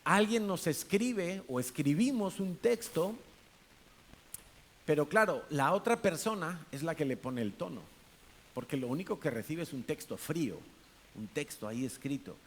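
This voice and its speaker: Speaking at a moderate pace in a slightly high, animated voice, a man with a Peninsular Spanish accent delivers a conversational sermon in a church hall. He poses questions to the congregation and acts out various tones of voice, with faint hiss in the recording.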